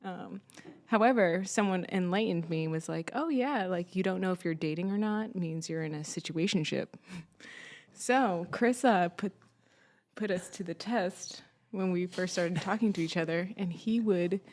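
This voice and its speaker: A woman's voice: lowish voice, normal speed, darkish tone. A woman in her thirties, a guest in a casual chat, playful and teasing.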